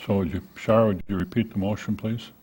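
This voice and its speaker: A man chairs a small city council meeting, calling motions and votes. His voice sits low. He keeps things brisk and informal, with light jokes. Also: fairly even intonation, darkish tone, breathy edge. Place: council chamber.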